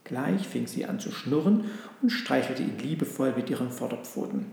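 A man narrating a storybook aloud in a calm, measured reading. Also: medium pitch, vocal fry. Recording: very echoey room with long reverb.

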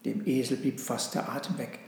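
A man narrating a storybook aloud in a calm, measured reading. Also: medium pitch, creaky. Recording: very echoey room with long reverb.

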